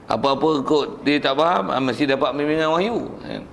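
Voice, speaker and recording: Man, Malaysian Malay accent, religious lecture, gravelly, asks and answers himself. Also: on the high side, a little fast, fairly bright tone, slight background noise. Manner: conversational, asks and answers his own questions; jokes with the class. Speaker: religious teacher.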